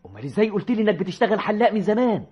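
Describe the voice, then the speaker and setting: Through a lo-fi old radio broadcast sound, a fussy, easily alarmed barber with an Egyptian accent speaks. His voice is very high and swings widely. He talks quickly and sounds exasperated throughout. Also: sing-song, breathy edge, heavily acted. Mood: incredulous. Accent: Egyptian Arabic. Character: flustered middle-aged barber shop owner man, easily alarmed. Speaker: barber shop owner. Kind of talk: 1950s Egyptian radio comedy acting. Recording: dull lo-fi old radio recording.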